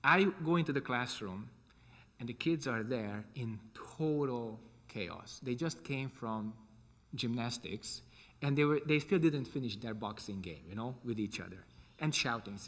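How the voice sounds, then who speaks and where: Hungarian guy, monk lecturing in english, middle pitch, lots of hall reverb. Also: animated, a little slow, a bit bright. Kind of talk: lecture with question and answer.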